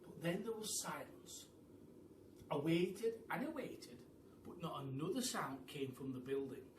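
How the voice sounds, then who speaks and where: A teacher reads a children's story aloud in a child narrator's voice, his male voice a little high with lively intonation. He is theatrical, using dramatic pauses and emphasis, and the distant mic in an echoey room catches faint background noise.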